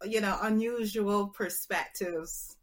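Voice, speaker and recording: A woman from Barbados with a Barbadian accent, chatting as a guest in an interview in a measured, upbeat way. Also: medium pitch, steady tone. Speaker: guest entrepreneur. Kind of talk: casual interview chat.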